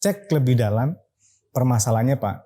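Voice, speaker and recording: A man's voice: medium pitch, expressive, fairly quick, mellow. A man with an Indonesian accent hosting a discussion show in a chatty, explanatory, conversational way. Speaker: host of a legal discussion show. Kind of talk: casual, conversational show presenting.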